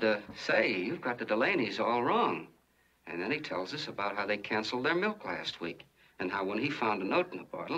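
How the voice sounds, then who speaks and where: An actor playing a folksy small-town soda jerk who tells a long, earnest, rambling story in 1940s film style. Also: male voice, fairly low pitch, pushed and bright. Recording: muffled, hissy 1940s film soundtrack.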